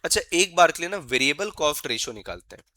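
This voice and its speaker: A teacher gives an exam-prep lecture, coaxing students, posing questions he then answers himself, and slowly reading formulas aloud as he writes. His voice is a little high, sing-song, pushed and bright, with no room sound.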